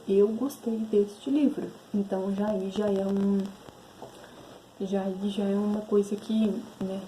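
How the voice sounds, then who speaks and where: Woman, 30s, deep mellow tone, chatty rambling storyteller who corrects herself. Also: slight background noise, low-quality recording. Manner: rambling, self-correcting, re-enacts inner voices. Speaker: spiritual channel host. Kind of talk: casual personal storytelling.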